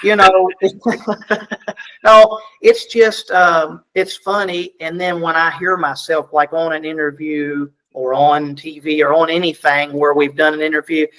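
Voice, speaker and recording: A middle-aged country singer with a strong Southern US accent and a slightly high voice. He talks in a folksy, self-deprecating way, often repeating a word as he starts a thought. His tone stays relaxed and chatty throughout the interview. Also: a little slow, low-quality recording. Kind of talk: casual interview chat.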